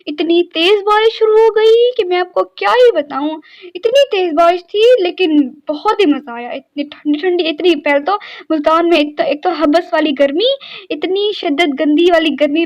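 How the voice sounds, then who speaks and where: A young woman, narrating her day in a chatty, rambling vlog full of little fillers. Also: extremely high pitch. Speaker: vlogger. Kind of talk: casual daily-life vlog narration.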